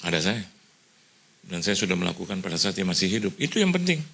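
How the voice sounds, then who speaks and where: A middle-aged Indonesian man preaching a sermon as pastor in a church hall, telling stories with lively delivery, slipping in English phrases and acting out the voices he quotes. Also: deep voice, fast talker, vocal fry, breathy edge.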